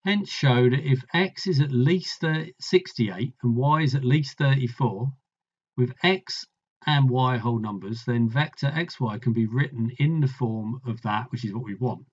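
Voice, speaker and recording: A man's voice: medium pitch, measured pace, dull audio. A man tutoring, thinking aloud as he works through a maths problem, musing and trailing off mid-sentence.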